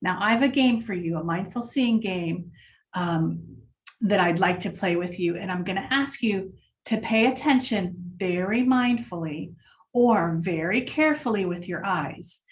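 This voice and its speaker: A woman leading a children's mindfulness lesson, speaking gently and encouragingly to the class. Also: mid-range voice, measured pace, distant mic.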